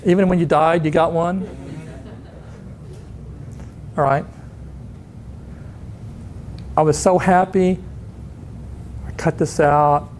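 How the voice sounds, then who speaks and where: A conference speaker in his sixties tells anecdotes in a storytelling talk, doing the voices of the people he quotes. His pitch is fairly high and his intonation fairly even, at normal speed with a darkish tone, and the conference hall carries slight background noise.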